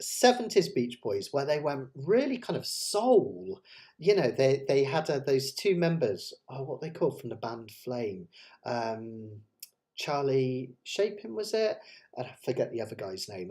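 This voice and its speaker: A man's voice: mid-range voice, a little mellow. A man with a West Country English accent hosting a casual livestream, chatting in a rambling, enthusiastic, self-deprecating way. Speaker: host of a live ukulele play-along. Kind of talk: casual livestream chat to viewers.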